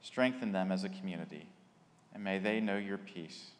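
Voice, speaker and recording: A man leading liturgical prayers in a slow, measured way, his voice carried by a long cathedral-like echo in a large church. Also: sits low. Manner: slow, measured litany delivery. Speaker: worship leader. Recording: reverberant church hall.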